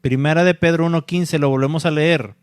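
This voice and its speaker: A male pastor preaching a sermon, deliberate and repeating key points, often checking in with a quick "¿sí?". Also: on the high side, steady tone, smooth, dry recording, studio quality. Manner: deliberate, checks in with the congregation by asking "¿sí?"; repeats key phrases for emphasis.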